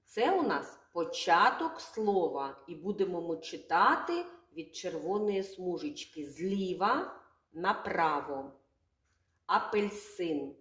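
A woman teaching young children their first letter sounds, stretching words out slowly and asking the class questions. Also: on the low side, very animated, fairly bright tone. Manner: slow, drawn-out sounds, asks children questions. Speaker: kindergarten teacher. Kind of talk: literacy lesson for young children. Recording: echoey room, from far off.

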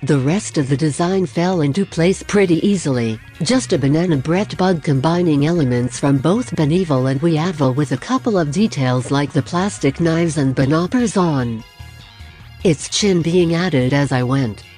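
Scripted narration, dry self-deprecating humor, mid-pitched voice, faint music underneath. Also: moderate pace, a little mellow. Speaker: art video narrator.

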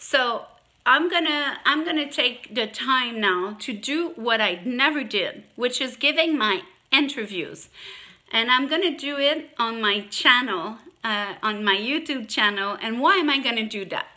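A woman with a French accent, talking straight to her viewers with emphasis and many halting restarts, a little congested from allergies. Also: fairly high pitch, expressive, bright, forceful tone. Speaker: YouTuber. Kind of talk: direct-to-camera monologue.

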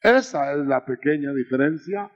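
A male preacher delivering a sermon in a dramatic style that swings between shouts and murmurs. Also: fairly high pitch, lively intonation, normal speed, muffled recording.

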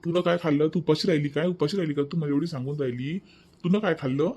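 A man's voice: fairly high pitch, fast talker, a little mellow, breathy edge. A man with a Vidarbha Marathi accent voicing a lazy, back-talking thirty-year-old son in a cartoon. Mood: cheeky back-talk. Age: 30s. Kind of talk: cartoon voice acting.

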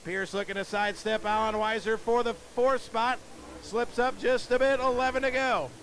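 Man, race announcer, very high voice, bright and forceful, shouting play-by-play, faint noise behind. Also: normal speed. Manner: excitable, shouting, breathless play-by-play. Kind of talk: live dirt track race commentary.

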